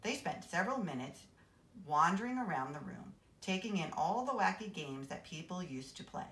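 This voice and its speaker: Brief: school administrator reading aloud, low lively voice, echoey room. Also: female voice, normal speed. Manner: expressive, animated reading. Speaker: assistant principal reading aloud. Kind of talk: reading a children's novel aloud. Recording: roomy echo.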